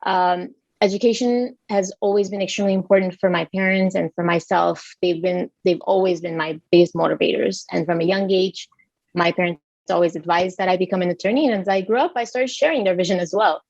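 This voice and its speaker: A woman attorney from Lebanon gives a composed, well-prepared account of herself in a podcast interview. Her voice is gravelly. The recording is dry and lo-fi. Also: on the low side, fairly even intonation, a little fast, darkish tone, no echo. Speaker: attorney guest. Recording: dry, dull lo-fi sound.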